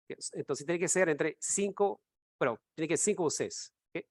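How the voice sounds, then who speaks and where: A man teaching an English class over a video call, explaining slowly and repeating words for students to echo. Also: fairly high pitch, clean studio sound.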